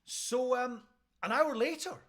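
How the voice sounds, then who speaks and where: A man's voice: very high voice, slow, heavy background noise. A Scottish man, a radio host, telling a story casually on a live stream and checking in with his listeners. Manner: chatty, keeps checking in with listeners.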